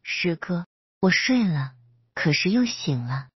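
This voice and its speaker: A gentle, devoted young man, as a woman narrator puts him on in a read-aloud storybook, soft-spoken and protective. The voice is low and strongly husky, with a dry sound. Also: very animated, slow, no room sound, highs cut off, heavily acted. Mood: tender. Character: gentle devoted young male senior student.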